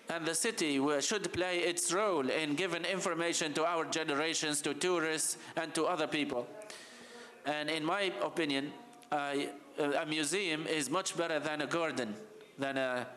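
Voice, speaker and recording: A man from Libya gives a conference talk with slides, speaking passionately and urgently, halting often with fillers. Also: a little high, a bit bright. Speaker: heritage official presenting.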